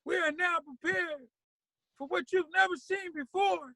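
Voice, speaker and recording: A man doing a booming hype MC. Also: measured pace, vocal fry, sharp tone, dry recording, full character voice. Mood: hyped. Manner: showy hyped announcer delivery. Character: booming male concert MC announcing a band.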